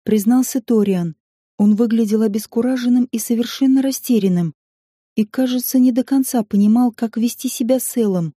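A woman narrating a science-fiction audiobook in an even, measured reading. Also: on the high side, husky, no room sound, studio quality.

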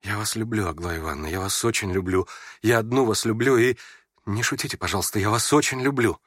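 A man reading aloud and voicing a gentle, timid young prince who speaks softly and hesitantly. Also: lowish voice, fast talker, no echo, studio quality, lightly acted. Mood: shy earnest. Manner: soft, hesitant, stammering.

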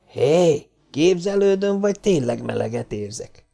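A man voicing an excitable, hot-headed male astronaut who shouts and grumbles in an audiobook. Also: fairly high pitch, vocal fry, voice pushed up. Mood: exasperated.

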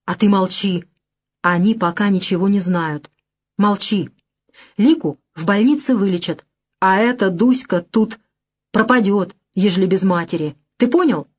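A woman voicing a drunken, unshaven older father who talks in a hoarse, angry bass with slurred bluster. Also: a little slow, natural voice. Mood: defensive.

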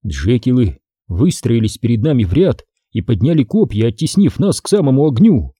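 A man narrating an audiobook in an expressive, lively storytelling manner. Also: medium pitch, normal speed, breathy edge, no echo, clean studio sound.

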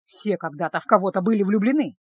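A woman voicing an angry young village man who talks in a low, hissing, bitter voice. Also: expressive, fast, husky, no room sound. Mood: pleading, weary.

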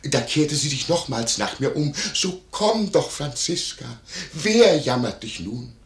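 Wheedling busybody innkeeper, lively inflection, roomy studio echo, radio play. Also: male voice, a little high, a little slow. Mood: agitated retelling. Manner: wheedling, chuckling, theatrical storytelling. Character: fawning nosy male innkeeper, curious and greedy. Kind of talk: classic stage radio play acting.

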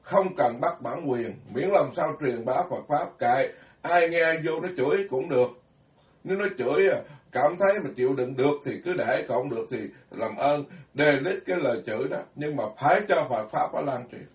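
A man's voice: on the high side, animated, moderate pace. A man, a Buddhist monk giving a blunt, scolding sermon with self-deprecating asides. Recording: echoey room, far from mic.

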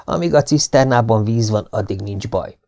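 A man's voice: lowish voice, gravelly, warm tone, no echo. A man voicing a stern male army major in an audiobook, speaking in clipped, grave questions. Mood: muttering. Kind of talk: audiobook narration.

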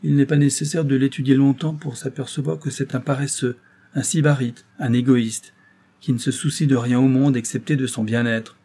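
A man reading the part of a frank, impulsive young woman who speaks in a lively, indignant way. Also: medium pitch, moderate pace, close to an everyday voice.

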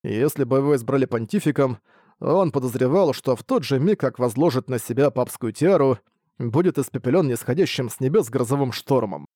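A man narrating a fantasy audiobook in a steady, even reading voice. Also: mid-range voice, a little fast, dry recording, studio quality.

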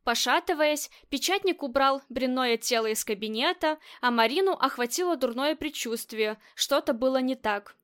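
Female audiobook narrator, high voice, tense steady delivery. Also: moderate pace, few pauses.

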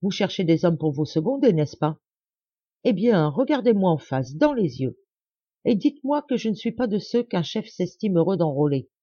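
A woman voicing a resolute young man who speaks firmly and gravely. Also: on the low side, sing-song, moderate pace, mellow, dry recording, muffled recording. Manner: firm and grave.

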